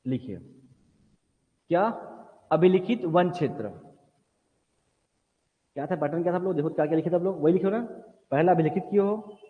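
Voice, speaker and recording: A man's voice: fairly high pitch, brisk, long pauses. A man teaching an exam coaching class, drilling students with repeated questions and telling them what to write in their notes. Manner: repetitive question-and-answer drilling. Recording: tinny phone-like sound in a reverberant hall.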